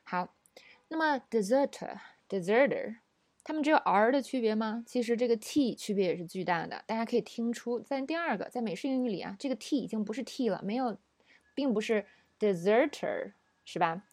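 A woman's voice: a little high, expressive, a little fast, a little mellow, no echo. A woman teaching English pronunciation, patiently explaining and modeling English words aloud. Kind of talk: recorded language lesson.

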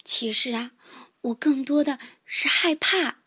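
Woman storyteller for kids: high, very lively voice, slow and expressive. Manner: expressive first-person narration with sighs. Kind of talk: children's storybook reading.

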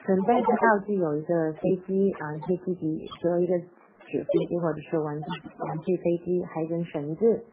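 A woman's voice: fairly low pitch, steady tone. A woman teaching an English pronunciation lesson in a live stream, patiently repeating words and reading a nursery rhyme aloud. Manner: patient and instructive, repeats words slowly and spells out sounds; reads the rhyme aloud at slow, medium and fast speeds. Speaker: English teacher for parents and children. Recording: tinny phone-like sound with faint background noise.

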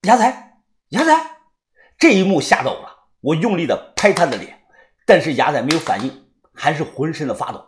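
Animated male audiobook narrator, dramatic delivery. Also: on the high side, brisk, slight background noise. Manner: lively, dramatic storytelling. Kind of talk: serialized storytelling.

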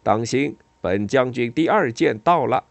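A man voicing a bold, commanding male general of old who shouts boastful battle calls. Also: medium pitch, lively intonation, measured pace, gravelly, dry recording.

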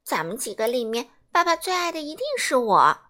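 A woman's voice: sits high, sing-song, fairly quick, sharp tone, exaggerated voice. A woman voicing a small, boastful baby ankylosaurus in a storybook. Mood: smug. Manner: smug, childlike.

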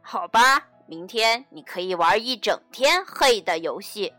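A woman's voice: mid-range voice, lively intonation, a little slow, sharp tone, no room sound, soft background music. A woman voicing a young hedgehog in a children's storybook. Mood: plain. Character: grumpy sleepy young hedgehog.

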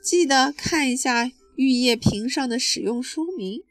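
A woman voicing a patient but firm mother bear who gently scolds her cubs. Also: high voice, a little slow, dry recording, soft background music. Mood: scolding.

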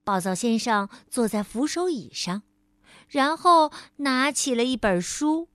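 A woman storyteller reading a picture book aloud to a child, gently addressing the listener as darling. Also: fairly high pitch, expressive, a little slow, no room sound.

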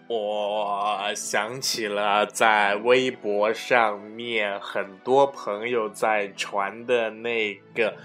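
A man's voice: on the low side, bright, forceful tone. A man giving a casual dialect lesson, chatty and giggly, often correcting himself. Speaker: dialect teacher.

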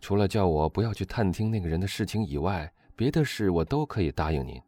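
A man reading a storybook, voicing a calm, sensible young gentleman who talks in a measured way. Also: low voice, no room sound.

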